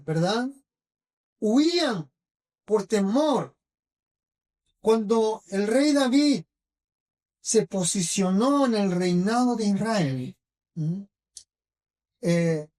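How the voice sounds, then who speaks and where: A woman's voice: medium pitch, a little mellow. A woman preacher with a Rioplatense accent, retelling scripture in a sermon and often checking in with her listeners through short questions. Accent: Rioplatense Spanish. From Argentina. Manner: checks in with the congregation with frequent tag questions; retells scripture slowly, with pauses and fillers. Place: church hall. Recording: voice from a distance.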